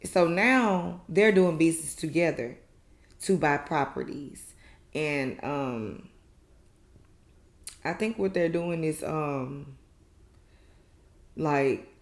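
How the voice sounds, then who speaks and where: A woman's voice: sits low, slow pace, long pauses. A woman host giving a casual, chatty recap review of a reality show in a colloquial, filler-heavy way. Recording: echoey room.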